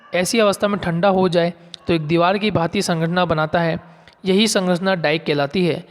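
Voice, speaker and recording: A geography teacher with a high voice gives a classroom lecture, explaining things step by step and repeating key terms. He poses questions to his viewers and answers them himself, and the sound is that of a big room.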